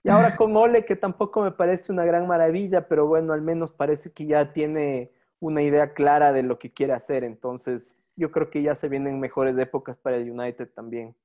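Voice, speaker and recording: A man's voice: a little high, fairly even intonation, moderate pace, hardly any pauses, narrow, tinny audio. A man hosting a podcast in casual chat, with friendly, brief interjections. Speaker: podcast host.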